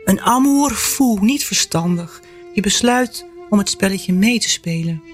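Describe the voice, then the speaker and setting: A woman author reading from her own novel, then talking about the memories behind it in a lively, storytelling way. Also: mid-range voice, measured pace, music in the background. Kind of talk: novel reading and personal reflection.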